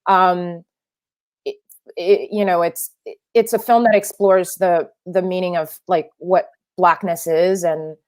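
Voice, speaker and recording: Speaking slowly, with a low-leaning pitch, fairly even intonation and a slightly mellow quality, a young French-speaking woman filmmaker answers an interviewer's questions. Her replies are thoughtful but full of fillers and restarts.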